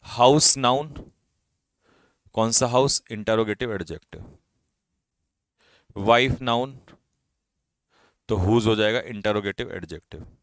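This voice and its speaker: In a dry recording, a young man who teaches English lectures on grammar in a classroom, his voice on the low side. His explanations are in Hindi, he answers his own questions, and he reads the English examples slowly, stressing them.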